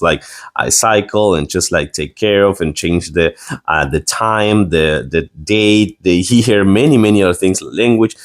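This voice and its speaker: A man giving a casual product review and demonstration in a rambling, repetitive way. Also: low-pitched.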